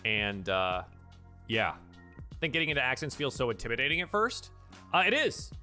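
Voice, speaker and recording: A man with a medium-pitched, very animated voice speaks at normal speed, bright and forceful, with soft music in the background. Hosting a casual livestream as a professional dungeon master, he hands out advice emphatically, repeating himself for stress.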